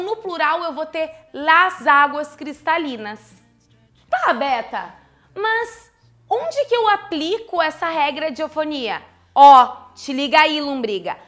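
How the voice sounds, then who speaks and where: A young woman from teaching a lively online Spanish lesson, playful and chatty, asking herself questions and answering them. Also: high voice. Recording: faint background music.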